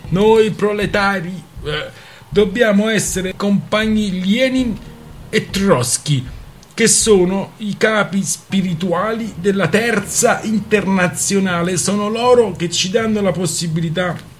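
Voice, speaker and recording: A man's voice: sits high, takes it slowly, slight background noise, voice pushed up. A man voicing a pompous working-class orator who stumbles through a grand toast. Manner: pompous, hesitant speechmaking.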